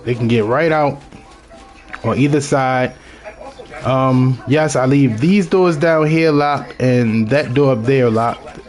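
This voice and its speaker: Man, Baltimore accent, casual gameplay commentary, rambling and chatty, talks to viewers as y'all, mid-pitched voice. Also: slow pace, darkish tone. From Baltimore, Maryland. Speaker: gamer narrating his own gameplay.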